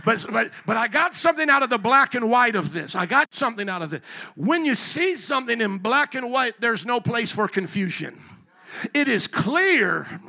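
A pastor preaching a sermon into a pulpit microphone in a church, calling out to the congregation for amens. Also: male voice, very high voice, creaky, pushed and bright. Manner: emphatic call-and-response preaching. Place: church sanctuary.

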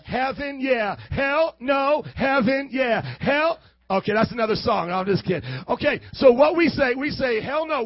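Male youth preacher, extremely high voice, booming motivational call-and-response, exuberant and playful, on muffled lo-fi audio. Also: no room sound. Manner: exuberant, playful, exhorting, leads chants. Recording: dull lo-fi audio with music.

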